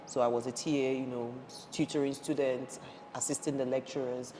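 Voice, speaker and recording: A woman in her thirties, from Ghana and raised in Nigeria, tells her career story as a guest in a conversational interview, with many restarts and fillers. She works in the energy industry. Her voice is extremely low with little pitch movement and a slightly fast pace, recorded in a reverberant room with faint noise.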